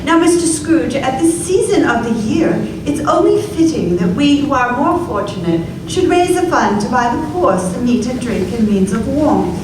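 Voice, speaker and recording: Genteel charity lady voiced by a woman, lively and high, echoey hall, distant. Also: moderate pace, hardly any pauses, noisy background. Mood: courteous. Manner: courteous, appealing. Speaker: actor in a live radio play. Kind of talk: live radio play acting.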